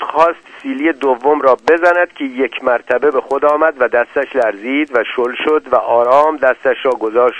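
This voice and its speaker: A man telling a dramatic story in scripted narration, letting his loudness rise and fall widely. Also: medium pitch, no echo. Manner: dramatic, with big swings in loudness. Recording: dull, dry lo-fi recording.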